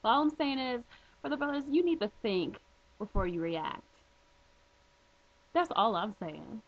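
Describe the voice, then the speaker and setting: A woman's voice: on the high side, unhurried. A woman vlogging a direct-to-camera response, blunt and emphatic, posing pointed rhetorical questions. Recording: dull lo-fi home video audio.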